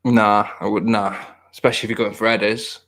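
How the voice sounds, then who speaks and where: A man's voice: on the low side, flat delivery, brisk, fairly bright tone. A man in his thirties chatting casually, rambling and poking fun at himself. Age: 30s. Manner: rambling, self-mocking, restarts often. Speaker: podcast host. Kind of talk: casual chat.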